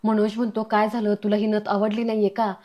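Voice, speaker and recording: Retelling an episode of a TV serial, a woman reads out the characters' lines with hardly any change of voice. Her tone is warm and level, her mid-range delivery brisk, captured in a dull lo-fi recording.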